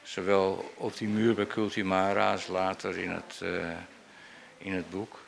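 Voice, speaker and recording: Low, gravelly man recounting memories. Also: little pitch movement, a little slow, a little hiss or hum. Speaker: portrait painter. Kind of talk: unscripted speech recounting memories.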